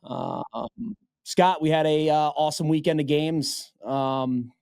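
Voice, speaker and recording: A man's voice: fairly high pitch, measured pace, creaky, a little mellow, clean tone. A man hosting a sports podcast in easygoing, casual chat with plenty of fillers. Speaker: podcast host.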